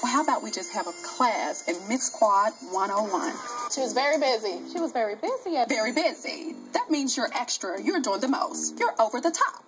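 A woman's voice: a little high, big pitch swings, moderate pace. A woman speaking in a reality show confessional, with a flamboyant, theatrical manner, sometimes calling herself she. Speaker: reality TV cast member. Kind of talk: confessional TV interview. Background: music.

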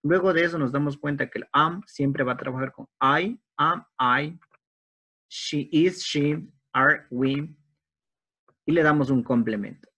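A man teaching an online English class, explaining grammar step by step in a patient way and slowing down for the English examples. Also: a little high, fairly bright tone, highs cut off. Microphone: video call.

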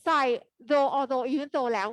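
A woman's voice: high voice, steady tone, takes it slowly, dry recording, clean studio sound. A woman teaching English in a live online class, explaining and checking often whether students follow. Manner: explains with frequent checks like "okay?".

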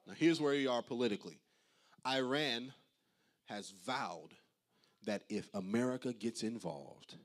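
A male pastor preaching a sermon in a church, impassioned and rhythmic, with repeated refrains. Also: lowish voice. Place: church sanctuary.

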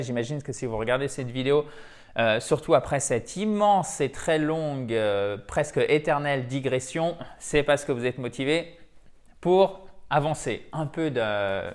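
Chatty French-speaking male English teacher. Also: medium pitch. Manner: chatty, self-mocking, repeats and rephrases often. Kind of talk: lively teaching monologue.

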